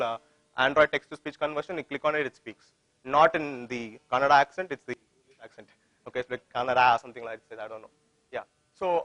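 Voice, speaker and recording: A man's voice: fairly high pitch, fairly bright tone, dry recording, poor audio. A man with an Indian accent giving an informal technical presentation, often repeating phrases and posing questions that he answers himself. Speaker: tech conference presenter.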